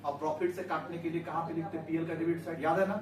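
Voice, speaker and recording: A man's voice: fairly high pitch, little pitch movement, very fast, a crowd in the background. A man teaching an accounting class in a coaxing tone, asking questions and repeating them for the students to answer. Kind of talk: classroom lecture. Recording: echoey room, mic at a distance.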